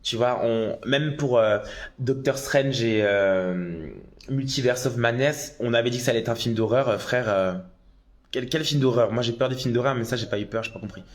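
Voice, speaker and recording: A man doing a drag live stream on his phone, reading out viewer comments and answering them in a chatty, excitable way, with sudden loud outbursts. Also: mid-range voice, moderate pace.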